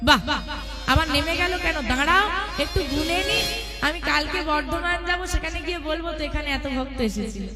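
A woman's voice: high voice, brisk, loud music behind the voice. A woman kirtan singer leading a large crowd, teasing and coaxing them between sung chants. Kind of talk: devotional kirtan with crowd talk. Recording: loud tabla and instruments behind.

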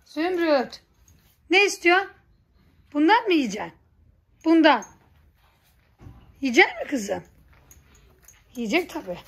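A woman vlogging in a village, coaxing and scolding her farm animals and talking softly to viewers. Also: high voice, sing-song, slow pace, long pauses. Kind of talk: casual vlog talk to animals and viewers. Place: village garden and barn, outdoors. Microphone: phone camera.

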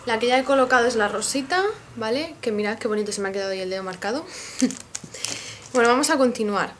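Woman beauty vlogger, Spain Spanish accent, slightly high voice, excitable and gushing, casual haul to camera, faint background hiss. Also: fast. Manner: gushing, excitable, addresses viewers directly. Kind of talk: casual makeup haul video.

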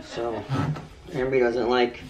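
A man's voice: mid-range voice, flat delivery, measured pace, dull audio, a crowd in the background. A middle-aged man hosting a casual DIY vlog, chatting easily and joking as he works on a staircase in his home.

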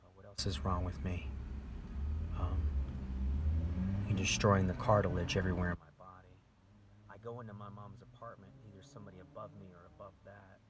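A man in an angry monologue to camera, ranting and accusing, his voice swinging between shouting and low muttering, often swearing. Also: level tone, brisk, pauses often, background noise. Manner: profane, accusatory.

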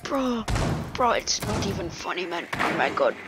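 A man's voice: sits high, very animated, normal speed. A young man chatting casually while gaming, exclaiming and laughing often and complaining about lag. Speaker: gamer streaming with a friend. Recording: noisy gaming capture.

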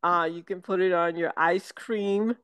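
Older Southern woman, unhurried, rambling guest on a video call, smooth clear tone. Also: fairly low pitch, fairly even intonation, a bit bright, no room sound. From American South. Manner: slow, meandering, many fillers and restarts. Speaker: guest, syrup maker. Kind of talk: casual interview over video call.

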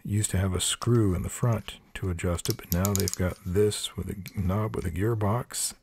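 Low gravelly man reviewing a tool. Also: steady tone, moderate pace, noisy background. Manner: plain-spoken, practical, dry asides. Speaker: product reviewer. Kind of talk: hands-on product review narration. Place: workshop table.

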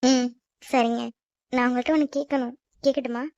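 A woman's voice: little pitch movement, a little mellow, no room sound, dull audio. A woman voicing an anxious young newlywed wife who frets and pleads in a cartoon. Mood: earnest. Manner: high, quick, fretful self-talk.

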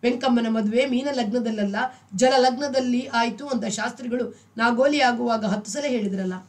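A woman reading a novel aloud, voicing an aloof man who answers in a flat, matter-of-fact way. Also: fairly high pitch, normal speed, distant mic, lightly acted.

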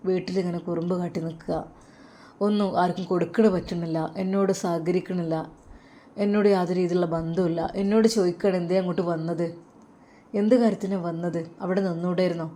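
A woman voicing a troubled young male religious scholar who deeply loves his mother, speaking softly and sorrowfully. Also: steady tone, quick pace, lightly acted. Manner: soft, sorrowful, heartfelt.

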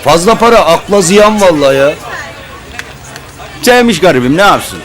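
A man's voice: high voice, animated, moderate pace, some chatter behind. An actor playing a man gossiping over snacks. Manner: chatty, gossiping.

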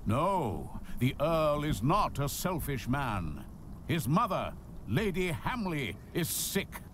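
A grave, fervent churchman; slow, animated, mid-high voice. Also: a little hiss or hum, heavily acted. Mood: solemn. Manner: grave, solemn proclamation. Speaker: churchman addressing a congregation. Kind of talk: sermon-like address.

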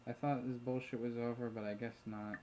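A man's voice: mid-range voice, level tone, a little fast, a little hiss or hum, poor audio. A man casually commentating a chat game, reading messages aloud, muttering asides and swearing freely. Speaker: let's play host. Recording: loud keyboard typing behind. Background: keyboard clicks and typing.

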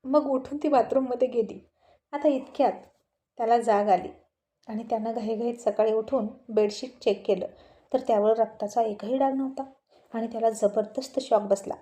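Woman storyteller, calm measured narration, fairly high pitch, warm mellow voice.

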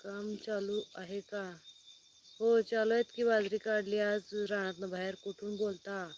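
A woman's voice: medium pitch, flat delivery, unhurried, darkish tone, slight background noise. A woman farmer from Sangli district, chatting on a phone live stream outdoors at night, reading out viewers' names and greeting each one. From Sangli district, Maharashtra. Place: outdoors at night, sitting under a light.

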